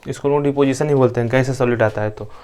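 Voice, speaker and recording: A man's voice: medium pitch, fairly even intonation, fast talker, a little mellow, smooth. A young man from India teaching a science lesson. He asks the class questions, answers them himself and repeats each key term. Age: young adult. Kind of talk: classroom lecture.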